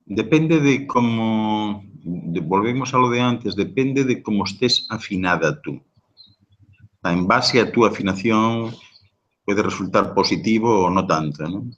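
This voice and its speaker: A man's voice: lowish voice, lively intonation, unhurried, fairly bright tone, dull audio. A man giving a live talk, answering audience questions with long explanations and frequent rhetorical question tags. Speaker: guest speaker on sound and language.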